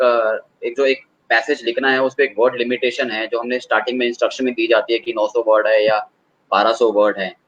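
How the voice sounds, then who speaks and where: A man explaining online assessment tools as a guest, in a measured and hesitant way, calling the host sir. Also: medium pitch, muffled recording. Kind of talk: conversational explanation.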